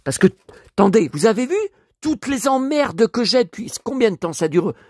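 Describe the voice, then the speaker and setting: A hoarse man talking to his viewers at home, showing off his finds as a collector. He rambles, grumbles, swears often and keeps addressing the audience. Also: high-pitched, sing-song, moderate pace, dry recording, studio quality. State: hoarse, voice worn out. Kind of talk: rambling vlog talk to viewers.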